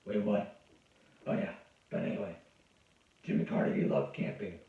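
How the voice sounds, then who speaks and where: A man's voice: lowish voice, fairly even intonation, moderate pace. A man giving a crude, rambling comic history lecture, cursing and interrupting himself. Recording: echoey, distant, dull lo-fi room sound.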